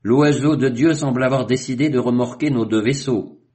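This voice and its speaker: A man's voice: fairly low pitch, animated, normal speed, darkish tone, voice pushed up, natural voice. A man doing Duke, a hearty sea captain.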